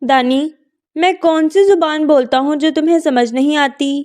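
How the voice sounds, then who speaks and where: A woman's voice: high voice, normal speed, darkish tone, pitched above the performer's own voice, natural voice. A woman reading a novel aloud, voicing a curt, stern young man.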